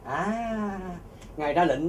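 A man telling a religious testimony to an audience, animated and often repeating words as he searches for them. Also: high voice, slow, distant mic, slight background noise. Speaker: speaker giving a religious testimony.

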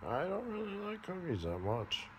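This sleep-talking monologue comes from a man in his forties from Michigan, his Midwestern drawl drowsy, halting and mumbled, with casual cursing. His voice runs on the high side with wildly swooping pitch. He's lying indoors on a bed or couch, recorded on a close-held phone by another person, with noisy results.

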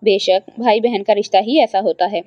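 A woman's voice: mid-range voice, fairly even intonation, darkish tone, dry recording, natural voice. A woman voicing a cheerful, playful young sister-in-law who teases with pride. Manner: cheerful, teasing. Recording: dry, slightly dull lo-fi.

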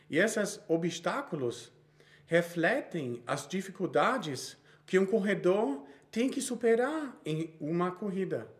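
A man in his thirties with a Brazilian Portuguese accent preaches a sermon, reading from notes and often making small restarts. His voice sits a little high.

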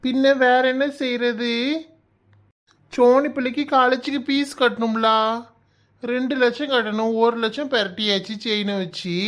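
A woman voicing a patient, middle-aged village husband and father who tries to calm his wife in an animated comedy. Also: a little high, close to an everyday voice. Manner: soothing, pleading.

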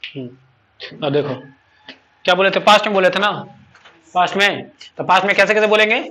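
A man's voice: sits high, a little fast, sharp tone. A male teacher, leading a grammar lesson and firing questions at his students for call-and-response answers. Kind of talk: classroom English grammar lesson.

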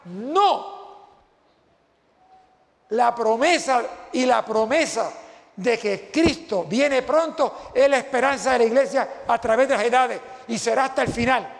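A man preaching an impassioned sermon to graduates, repeating phrases for emphasis. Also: very high voice. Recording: long hall reverb.

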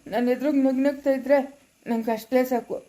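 A woman playing a loving, worried elderly father who soothes his daughter gently and repeats himself in a family skit. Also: high voice, fairly even intonation, a little fast, lightly acted. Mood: tender. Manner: gentle, soothing, repetitive pleading.

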